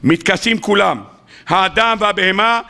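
A man, a rabbi, gives a weekly sermon to a live audience. He asks lively rhetorical questions and acts out the stories with humor. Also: high-pitched, gravelly.

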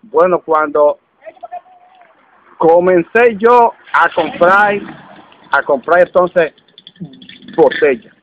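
Man, Dominican accent, slow halting storytelling, repeats words, muffled lo-fi recording. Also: a little high. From Dominican Republic. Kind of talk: casual comic storytelling.

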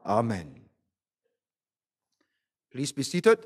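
A man leading a solemn formal prayer at a pulpit microphone, in a measured voice with old-style wording. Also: medium pitch, wildly swooping pitch. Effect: speaking at a pulpit microphone.

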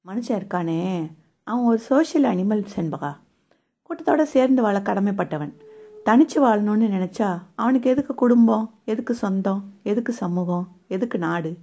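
A woman's voice: medium pitch, animated, normal speed, warm tone. A woman voicing a young male coworker in an audio novel who lectures at length, reasoning his point. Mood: lecturing. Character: young man, preachy coworker giving advice.

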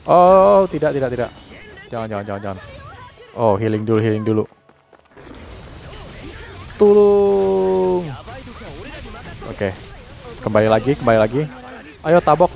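Male let's-play commentator, mid-range voice, jumpy and reactive. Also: medium pitch. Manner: excitable, frequent panicked exclamations. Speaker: gameplay commentator.

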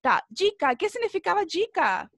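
Brief: woman language teacher, high voice, encouraging, dry close mic. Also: sing-song, moderate pace, fairly bright tone, no echo. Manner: encouraging, drills pronunciation with students. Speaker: Portuguese teacher. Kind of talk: online language class.

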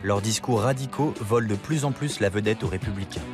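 A man giving scripted documentary narration in a measured, even way. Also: on the low side, over loud music.

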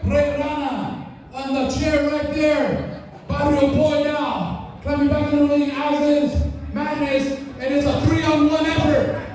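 A man calling excited, emphatic play-by-play as a lucha libre announcer, with drawn-out calls. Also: very high-pitched. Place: large indoor wrestling hall with audience. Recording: echoey hall PA from far off, crowd noise. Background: crowd.

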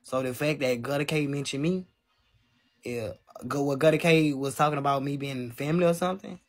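Young man in his 20s, husky tone, slightly high voice, candid live-streamer answering chat on a phone. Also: fairly even intonation, brisk. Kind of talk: casual live-stream talk to viewers. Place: small room indoors. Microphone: phone held at arm's length.

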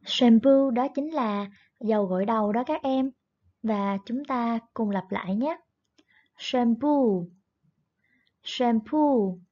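A woman's voice: on the high side, measured pace. A woman teaching a primary English class online, patiently explaining words and repeating each one twice. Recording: dull lo-fi recording.

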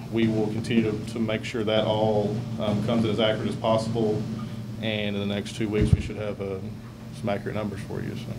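Guy reading budget numbers at a board meeting, low flat voice, roomy hall, lots of noise. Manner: flat, steady, many ums. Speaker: school district finance officer. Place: school board meeting room.

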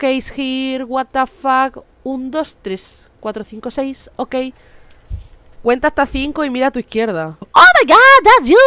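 A high-voiced woman with a Spain Spanish accent streams a game from her home room. She is excitable and sweary, keeps slipping into broken English and sings bits of a jingle as she plays. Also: smooth, no echo. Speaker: gaming streamer. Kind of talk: let's play commentary.

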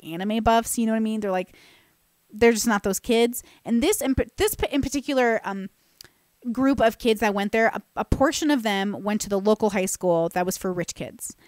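A woman's voice: mid-range voice, a little mellow, dry recording. A young woman from California hosting a podcast, telling a personal story in a chatty, self-deprecating way with frequent restarts and fillers, close to a studio microphone. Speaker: podcast host. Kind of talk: casual storytelling monologue. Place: bright room with plants. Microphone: boom-mounted studio mic close to mouth.

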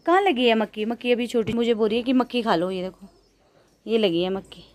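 A woman with a Himachali accent, chatting casually in a home vlog with lively, teasing banter. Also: a little high, brisk. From Himachal Pradesh. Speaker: vlogger. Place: family home kitchen. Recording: echoey room, faint background noise.

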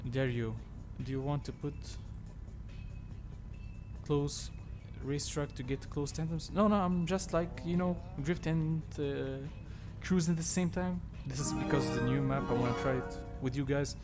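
A young man from Tunisia, not a native English speaker, hosting a sim-racing livestream, reading chat and answering in halting, filler-heavy talk. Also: on the high side. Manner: halting, filler-heavy, reads chat aloud and thanks subscribers. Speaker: livestream host. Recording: loud game music behind voice.

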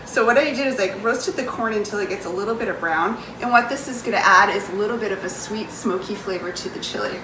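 Talking fast and barely pausing, this medium-pitched woman in her forties hosts a casual chili demo in her home kitchen. She has a New England accent and keeps up a chatty, self-mocking patter while stirring and pouring. Sizzling food and other noise fill the roomy sound, recorded by a distant tripod-mounted camera.

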